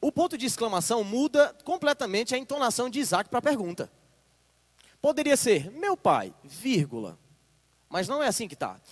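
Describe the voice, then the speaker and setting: Brazilian male preacher, high and lively, sermon style, reverberant hall sound. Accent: Brazilian Portuguese. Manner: reads scripture slowly with emphasis, asks the congregation "Amém?". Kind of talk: sermon with scripture reading.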